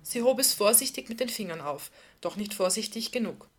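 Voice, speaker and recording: A woman reading passages from a novel aloud in a calm, even storytelling delivery. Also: medium pitch, fairly quick. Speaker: reader.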